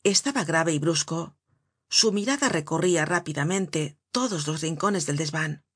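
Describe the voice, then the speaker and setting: Low, husky woman narrating a novel. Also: lively intonation, moderate pace, dry recording, clean studio sound. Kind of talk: audiobook narration.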